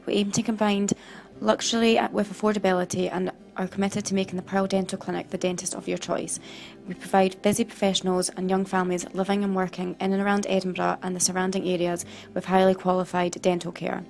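Brief: woman, ad voice-over, gravelly and monotone, faint music underneath. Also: mid-range voice. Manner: reads a list-heavy script with small stumbles. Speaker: voice-over for a dental clinic ad. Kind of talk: read-out advert.

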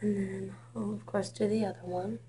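Speaking at a moderate pace with a level, medium-pitched tone, a makeup vlogger in her twenties chats offhandedly and pokes fun at herself during a tutorial. She has a sniffly cold, and the webcam's built-in mic, held at arm's length in a small room, yields a very noisy recording.

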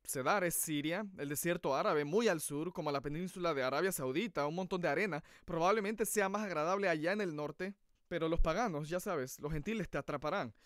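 A man's voice: on the high side, fairly quick, a bit bright, dry recording, clean studio sound. A man preaching a sermon in an earnest, emphatic way.

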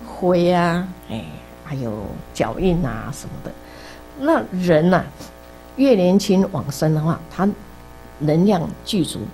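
A woman's voice: sits low, mellow, a little hiss or hum, poor audio. A middle-aged woman from Taiwan, teaching a casual Buddhist class in a chatty storytelling way, full of interjections. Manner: chatty storytelling, many interjections, laughs at own jokes. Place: basement classroom.

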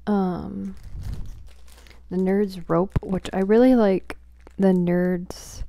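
A woman chatting softly for ASMR on a small close microphone, rambling, whispery and giggly. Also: medium pitch, fairly even intonation, drawn-out words, vocal fry, a little hiss or hum. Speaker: ASMR creator. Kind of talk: soft-spoken ASMR chatting.

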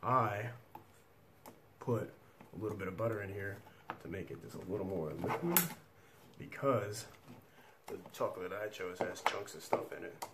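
A man in his thirties walks through a recipe in a small room, loose and chatty and swearing casually. His voice sits slightly low. The desk camera picks up steady, clear background hiss. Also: normal speed, pauses often. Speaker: cooking vlog host. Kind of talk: casual cooking demonstration.

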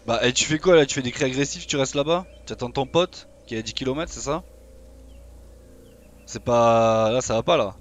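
Excitable man taunting in gameplay commentary. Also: mid-range voice, fairly quick. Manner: casual slangy talk. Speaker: gamer playing a dinosaur survival game.

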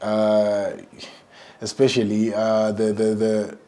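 A man in his thirties with a Kenyan accent, a guest actor chatting relaxed in a small studio, switching between English and Sheng and laughing often. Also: fairly low pitch, slow. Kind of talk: casual interview chat. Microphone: studio mic on boom arm.

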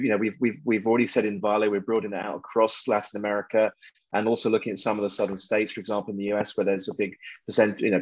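Husky fast-talking CEO man. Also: fairly low pitch, no echo, low-quality recording. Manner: energetic, confident, many restarts and "you know". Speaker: company CEO, interview guest. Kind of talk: business interview answers.

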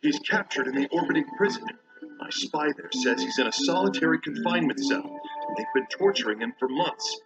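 A man's voice: on the high side, lively intonation, brisk, highs cut off, close to an everyday voice. Blunt echidna leader voiced by a man. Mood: commanding. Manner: commanding, blunt, wisecracking. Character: Knuckles, a gruff, blunt echidna resistance leader. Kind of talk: video game cutscene dialogue. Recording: game audio from a distance, with music.

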